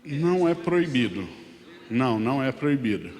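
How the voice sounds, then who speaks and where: Pastor teaching in a reverberant church hall. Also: male voice, mid-range voice, sing-song, a little mellow. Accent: Brazilian Portuguese. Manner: conversational, asks the class questions, many tag questions; sings lyric lines slowly. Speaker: pastor teaching Sunday school. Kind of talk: Bible class lesson.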